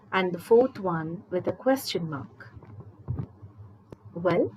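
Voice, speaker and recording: A woman teacher gives a grammar lesson at a slow, careful pace. She explains each point patiently and speaks directly to her students. A faint background hum sits under her voice. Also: medium pitch, darkish tone, poor audio. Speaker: English teacher. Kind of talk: recorded school lesson.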